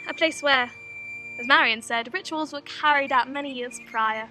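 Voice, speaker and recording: Over music, a young woman speaks in a high, natural voice, playing a repressed, intense aristocratic spinster whose youth still haunts her. The dramatic monologue is theatrical and confessional with deliberate phrasing, captured as tinny, band-limited, noisy amateur film sound.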